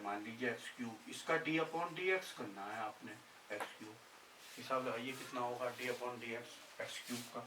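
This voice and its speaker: A male physics teacher with a pushed, bright, mid-range voice explains formulas at the blackboard step by step, drilling them and often repeating himself. The room is echoey, the mic distant, and there is a faint hiss.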